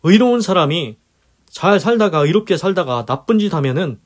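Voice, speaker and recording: A man preaches in an earnest, questioning way, retelling scripture in plain blunt speech. His voice sits a little high for a man. He keeps asking his listeners questions as he explains a passage. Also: animated, normal speed. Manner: earnest, rhetorical questions, paraphrases scripture in blunt spoken words. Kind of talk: sermon-style Bible explanation.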